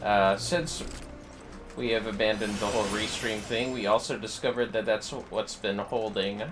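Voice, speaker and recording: This man's livestreaming a video game, chatting casually and muttering partly to himself, partly to viewers, over the game's music. He has a lowish voice, fairly even intonation, and a normal speaking speed.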